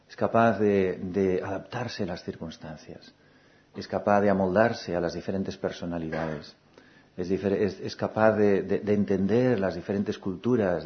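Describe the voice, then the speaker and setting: Guy teaching on humility, calm and repetitive, lowish voice, dull lo-fi sound. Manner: calm, repetitive, gently questioning. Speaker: spiritual teacher. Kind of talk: reflective spiritual talk. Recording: dull lo-fi recording.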